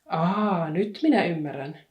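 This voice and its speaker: A woman's voice: lowish voice, lo-fi sound, close to an everyday voice. A woman voicing a cheerful, naive little girl who answers in an innocent, matter-of-fact way.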